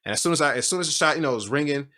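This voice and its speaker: A man talks fast through a personal story, his voice bright and forward. He rambles, restarts his sentences and fills gaps with "you know" as the memory gets to him. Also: fairly high pitch, lively intonation. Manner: rambling, emotional, many restarts and fillers. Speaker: podcast guest. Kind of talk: casual storytelling.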